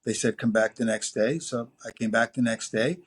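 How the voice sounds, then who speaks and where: A man's voice: mid-range voice, moderate pace, breathy edge. Man in his 60s, new york accent, rambling storyteller, lots of uhs and acted-out quotes. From New York City. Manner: rambling, anecdotal, lively quoted voices, many fillers. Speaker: music producer and engineer guest. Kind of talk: casual interview storytelling.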